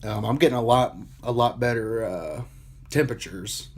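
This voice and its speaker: A man's voice: medium pitch, normal speed, slightly rough. A tired young man vlogging his PC build, rambling casually, swearing often and poking fun at himself. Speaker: PC hobbyist vlogger. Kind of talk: casual off-the-cuff show-and-tell.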